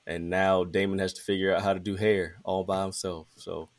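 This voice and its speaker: A man's voice: deep voice, flat delivery, normal speed. A man hosting a podcast in casual, informal talk full of slang. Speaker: podcast host. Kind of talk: casual chat.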